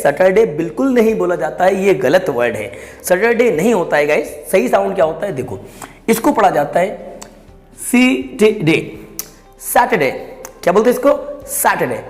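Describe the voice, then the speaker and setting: A high-pitched man with a lively, swinging voice leads a pronunciation lesson, stretching each word out slowly and calling on his viewers to repeat after him. He sounds like he is in a roomy space with a long echo. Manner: addresses viewers as guys, coaxing them to repeat. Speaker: English pronunciation teacher. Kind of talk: classroom-style pronunciation lesson. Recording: echoey room with long reverb.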